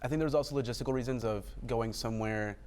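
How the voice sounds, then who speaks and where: A man's voice: medium pitch, fast, a little mellow, clean tone. A man, a film director, talking conversationally as a guest in a TV interview.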